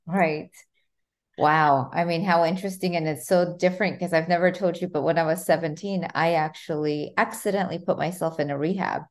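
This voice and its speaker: A woman's voice: deep voice, steady tone, a little fast. A woman hosting an interview podcast, eager and enthusiastic with her guest. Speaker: podcast host. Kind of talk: scripted intro, then interview chat.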